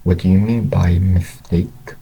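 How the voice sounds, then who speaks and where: A man voicing a teenage boy about to graduate in a homemade audio story, slightly high-pitched. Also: fairly even intonation, unhurried, vocal fry, warm tone, a little hiss or hum, rough recording. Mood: nervous. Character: nervous teenage boy, high school senior.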